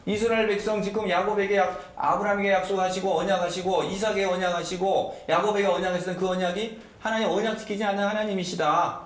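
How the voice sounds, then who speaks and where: A man's voice: sits high, steady tone, fast talker, few pauses, echoey room. A man preaching a sermon as pastor, emphatic and often asking the congregation questions. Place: church sanctuary.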